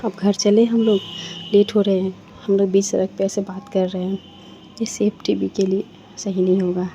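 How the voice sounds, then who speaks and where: A woman's voice: medium pitch, level tone, moderate pace, lightly acted. A woman voicing a teasing, sensible young bride. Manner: teasing, gently scolding. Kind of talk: storytelling with voiced dialogue. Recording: dull lo-fi, faint noise.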